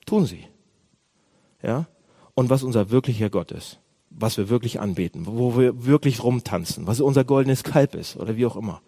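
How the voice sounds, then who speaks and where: Animated preaching pastor, husky mellow man. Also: mid-range voice, normal speed. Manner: animated preaching, swings between loud outbursts and hushed asides. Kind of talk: sermon.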